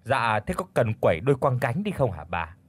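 A man's voice: medium pitch, very animated, brisk, slightly rough. A man voicing a humble young kitchen servant woman who answers her mistress politely in an audio story. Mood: deferential. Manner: deferential, polite.

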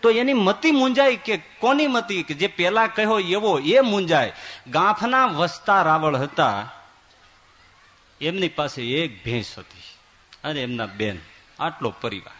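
A man giving a sermon as a swami, telling stories with voiced quotes and swinging from loud to soft. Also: a little high, expressive, a little slow. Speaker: swami preacher.

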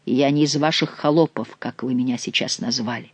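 A man reading an audiobook and voicing a proud nobleman who speaks calmly and deferentially while holding his ground against a prince. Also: mid-range voice, a little fast, no room sound, close to an everyday voice. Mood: quietly threatening. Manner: calm, restrained, deferential on the surface, impassive. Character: cold, proud male nobleman, the prince's master of the hunt.

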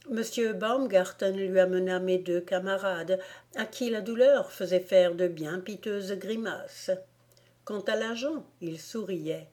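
A woman reading a storybook aloud as a volunteer audiobook narrator, in a calm, measured manner. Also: mid-range voice. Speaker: audiobook reader.

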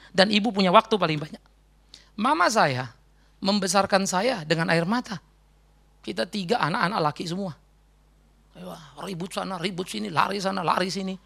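A middle-aged male pastor from Sumatra preaching a sermon, telling his life story in a lively way, acting out voices and laughing often. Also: high voice, gravelly. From North Sumatra. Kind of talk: sermon with personal testimony.

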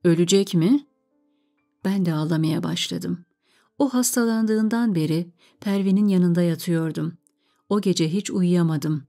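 A woman narrates a story in a calm, measured reading voice. Her tone is low and warm. Soft music plays faintly behind her. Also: vocal fry.

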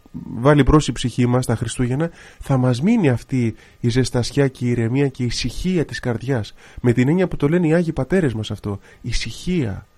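A man's voice: medium pitch, mellow. A man, a priest and radio host, preaching an earnest sermon on air and exhorting listeners with repeated phrases.

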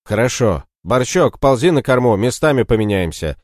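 A man's voice: medium pitch, big pitch swings, moderate pace, dry recording, clean studio sound, lightly acted. A man voicing a hot-tempered, rather dim male warrior leader who barks orders in an audiobook story. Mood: angry. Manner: shouting, bossy.

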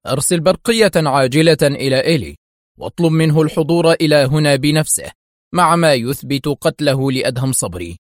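A man's voice: a little high, fairly quick, dry recording, pitched above the performer's own voice, natural voice. Brief: commanding spy chief, as a male narrator puts him on, firm and a little raised, dry sound. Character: stern, worried male intelligence chief.

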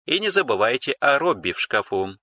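A man's voice: medium pitch, big pitch swings, fairly quick, sharp tone, no room sound. A man voicing a female ship AI in an audiobook, dry, formal and sarcastic. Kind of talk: audiobook character reading.

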